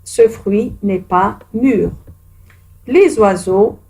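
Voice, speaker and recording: A woman teaching grammar to young pupils, speaking slowly and clearly. Her pitch sits in a middling range. She is patient and encouraging and speaks straight to the children. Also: mellow. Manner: slow, patient and encouraging, addresses pupils directly.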